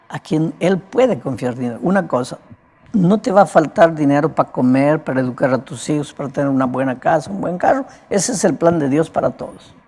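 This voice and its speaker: A man's voice: a little high, a little mellow. A man delivers a sermon as an evangelist, his voice cracked and broken. He preaches in a conversational way and keeps checking in with his listeners. He is prone to coughing. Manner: conversational preaching, often asking "right?" of listeners.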